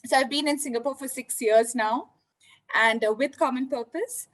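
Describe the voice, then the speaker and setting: A woman's voice: high-pitched, moderate pace, fairly bright tone, poor audio. A woman from India, speaking reflectively as a panelist in a virtual panel discussion, over a video call and with many "you know" fillers. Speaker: panelist, leadership development.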